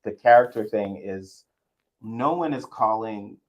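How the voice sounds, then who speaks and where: A man's voice: lowish voice, measured pace, muffled recording, crowd noise. A man from the South, co-hosting a casual podcast chat, arguing a point earnestly with frequent restarts. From American South. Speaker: co-host.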